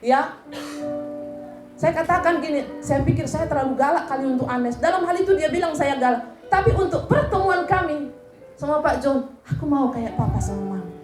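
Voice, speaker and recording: A woman pastor with a Batak accent preaches in a lively, joking way, often slipping into quoted voices. Her voice sits high. She is heard in an echoey church with instrumental music playing behind her. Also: moderate pace. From Indonesia. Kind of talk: sermon and closing prayer. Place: church hall.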